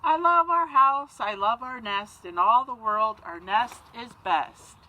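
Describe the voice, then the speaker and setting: Woman voicing an excitable, high-pitched storybook father bird. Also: takes it slowly, lo-fi sound, slight background noise. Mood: joyful.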